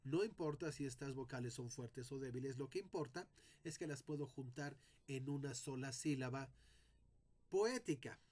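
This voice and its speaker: Man slowly teaching poetic meter. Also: medium pitch, darkish tone. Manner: slow, deliberate, sounding out syllables one by one; addresses students directly. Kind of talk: spoken lesson on poetic meter.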